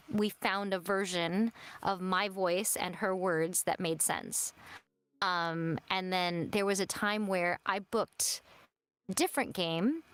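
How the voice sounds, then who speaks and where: A young adult woman chats casually on a stream, telling stories from her voice work with an easy, talkative flow and frequent laughs. Her voice is close and dry, with little room sound around it. She sits at a mid pitch for a woman. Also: clean tone, no echo. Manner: chatty storyteller, laughs often. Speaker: voice actress, guest.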